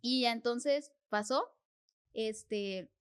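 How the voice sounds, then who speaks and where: A woman's voice: on the high side, very slow, clear, resonant tone. Earnest young woman sharing a faith story. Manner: earnest storytelling, acting out her prayers as dialogue. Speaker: podcast guest. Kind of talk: personal faith testimony.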